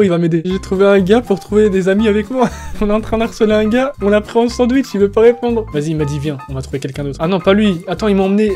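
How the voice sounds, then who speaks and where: A young man in his twenties chatting over his gameplay in a quick, excitable rush. His voice sits high and he laughs often, breaking into sudden shouts. Faint music plays underneath. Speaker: gaming YouTuber. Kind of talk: casual gaming commentary.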